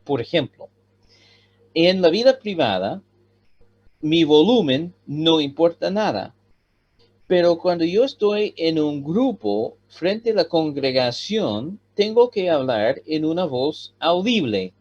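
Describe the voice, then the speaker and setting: American-accented man preaching, lo-fi sound. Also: on the high side. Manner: pauses with many "ah" fillers, calm teaching tone. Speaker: pastor. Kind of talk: sermon. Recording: dull lo-fi sound.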